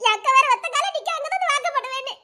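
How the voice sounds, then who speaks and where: A piping, childlike-high voice that rattles along at a breakneck clip belongs to a feisty young village woman, played by a woman. she teases and jokes and throws out mock threats in this audio love drama, giggly and quick as she goes. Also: lively intonation, sharp tone, heavily acted. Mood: teasing. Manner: rapid rural chatter, giggly, mock threats.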